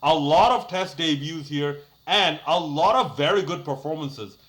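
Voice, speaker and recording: Speaking off the cuff, a young man reviews a cricket match solo on his own YouTube channel. His slightly high voice sounds bright, and he's chatty and unhurried, rambling, restarting sentences and filling gaps with "uh" and "like."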